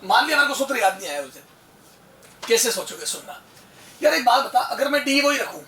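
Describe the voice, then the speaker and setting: A man teaching physics in a lively exam-prep lecture, with a very high, bright voice that keeps asking rhetorical questions. He sounds off-mic in an echoey room, with faint ambience behind him. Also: brisk, distant mic, a little hiss or hum. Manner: animated, asks rhetorical questions, calls listener son.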